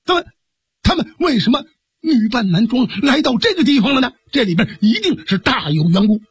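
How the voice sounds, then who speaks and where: A male storyteller voicing a bold, clever middle-aged hero who speaks briskly. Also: very high voice, big pitch swings, breathy edge, voice pushed up, exaggerated voice. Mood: puzzled.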